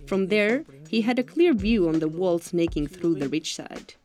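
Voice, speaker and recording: A woman from Finland reading a scripted documentary narration as a reporter, calm and measured. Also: on the low side, faint music behind.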